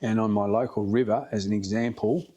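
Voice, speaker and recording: A man's voice: on the low side, fairly even intonation, brisk, dark tone, husky, lo-fi sound. A middle-aged Australian man telling stories casually as a fly fishing guide on a podcast, plain-spoken and blokey with emphatic repetition.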